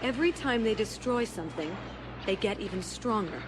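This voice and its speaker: An actress playing a determined rebel princess and leader in an audio drama, speaking earnestly and articulately. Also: female voice, mid-range voice, expressive, fairly quick, background noise, lightly acted. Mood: urgent briefing. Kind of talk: audio drama acting over orchestral score.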